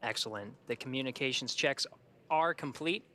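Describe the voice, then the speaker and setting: A man's voice: mid-range voice, normal speed, bright, forceful tone. A man giving live explanatory commentary as a broadcast commentator. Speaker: launch webcast commentator.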